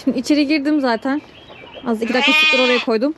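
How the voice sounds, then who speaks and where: High-voiced young woman chatting in a barn. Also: very fast. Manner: chatty, self-talking, coaxing animals. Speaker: farm vlogger. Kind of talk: casual vlog talk while doing farm chores. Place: barn with sheep and chickens. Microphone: head-mounted camera mic. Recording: noisy barn recording with bleating. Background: bleating lambs and sheep.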